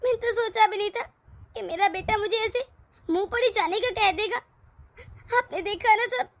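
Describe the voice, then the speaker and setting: A woman's voice: extremely high pitch, fairly even intonation, moderate pace, bright, forceful tone, heavily acted. A woman voicing a tearful, wounded mother-in-law. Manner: aggrieved, complaining, tearful. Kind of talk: animated family drama dub.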